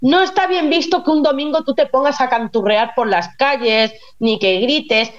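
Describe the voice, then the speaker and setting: A woman with a high, bright-pitched voice chats as a radio guest, explaining things with lively energy. She comes through a dull, lo-fi remote line that softens her. Her delivery is casual and talkative. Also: normal speed. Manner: animated, chatty explaining. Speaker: guest, nurse living in Germany. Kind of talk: casual radio interview chat.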